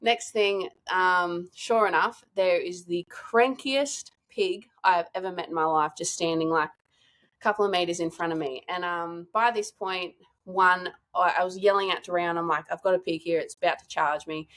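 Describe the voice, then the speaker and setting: A woman guest telling a lively hunting story in a casual, chatty way. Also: on the low side, normal speed. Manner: chatty, animated, lots of "like" and laughter.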